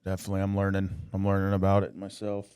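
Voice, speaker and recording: A man's voice: low-pitched, monotone, rapid-fire, a little mellow, clear, resonant tone, no room sound, studio quality. A man in his late thirties hosting a podcast, talking in a laid-back, casual way with slang. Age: 30s. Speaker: podcast host. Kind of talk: casual conversational interview.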